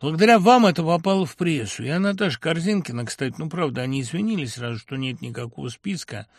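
A man's voice: fairly high pitch, animated, fast, no room sound, clean studio sound, voice pushed up. A man voicing a cheerful, plump young woman in glasses who talks eagerly and with sympathy.

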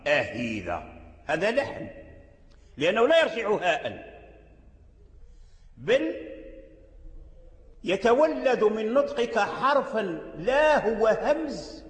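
A man's voice: high-pitched, sing-song, takes it slowly, pauses often. A man with a Moroccan accent teaching Quran recitation rules. He repeats words several times and stretches out the sounds to show how they are pronounced. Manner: repeats and drawls out sounds to demonstrate pronunciation. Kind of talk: explanatory lesson on recitation rules. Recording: echoey hall with long reverb.

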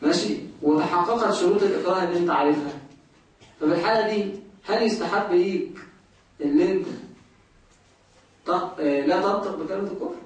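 A man with an Egyptian accent lectures a jurisprudence class, posing questions to the students and answering them himself. His voice sits high and he talks quickly with frequent pauses, heard from far off in a very echoey room.

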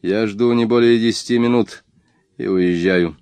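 A man's voice: lowish voice, moderate pace, a little mellow, smooth, no room sound, lightly acted. A man reading the lines of a shy, hapless young man who stumbles over his words in an audiobook. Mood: sheepish. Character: timid, hapless young man posing as a robber.

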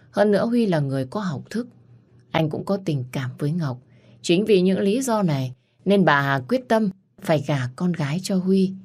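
A woman narrating a somber romance audio story in a steady, scripted reading. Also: low-pitched.

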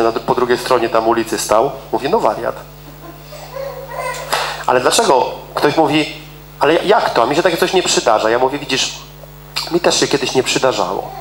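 A middle-aged man preaching a sermon with emphasis, repeating words for stress and swinging between fast and slow delivery. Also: mid-range voice, reverberant, low-quality recording.

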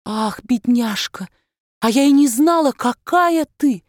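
A tender young courtesan whose lines rise high and stretch out with feeling, as a woman narrator plays her. Her voice lifts well above the narrator's own. The reading is close and dry. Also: unhurried, dark tone, no echo.

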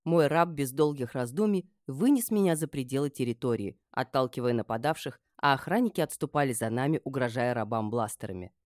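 A woman narrating a first-person novel in an expressive, lively way. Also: rumbling low, a little fast, hardly any pauses, no echo, clean studio sound. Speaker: audiobook narrator.

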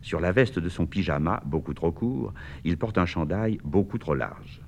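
Author reading his stage directions: quiet, measured, lower male voice with lively intonation. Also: vocal fry, a little hiss or hum.

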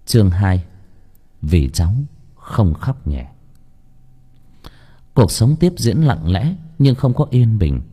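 A man narrating an audiobook story in an expressive storytelling manner. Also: on the low side, slow, long pauses, breathy edge.

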